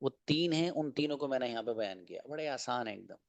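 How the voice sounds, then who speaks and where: A man teaching an online English class, explaining slowly and asking and answering his own questions. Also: medium pitch, lively intonation, creaky, dry recording.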